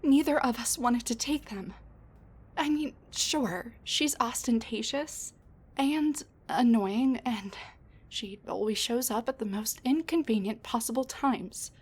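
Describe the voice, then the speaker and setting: A woman voices a sassy, rambling supervillain who is wounded but has a soft side, speaking intimately to the listener in a roleplay audio drama. Her voice is on the high side and she takes it slowly, venting in distress with breathy asides and sighs.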